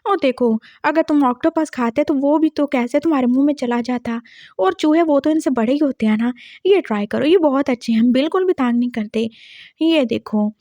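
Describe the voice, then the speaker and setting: A sweet-talking, sly young woman coaxes and wheedles in a high, bright voice, as a woman storyteller acts her out. She is a figure in a told drama story, recorded dry and close. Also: a little fast, no echo, natural voice. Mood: coaxing. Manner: coaxing, overly sweet.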